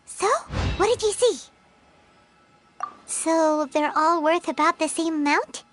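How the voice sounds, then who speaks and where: A woman voicing a tiny, excitable, childlike fairy companion with a squeaky, exclamatory delivery in a video game. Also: slow pace, faint music behind, full character voice. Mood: uneasy. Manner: exclamatory, speaks of self in third person.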